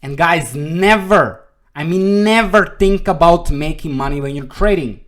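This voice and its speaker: A man's voice: fairly high pitch, a little slow, fairly bright tone. A man from Serbia, a trading coach giving a blunt, swear-laced video lesson that keeps checking in with "okay?". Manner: blunt, emphatic, swears freely, repeats "okay?".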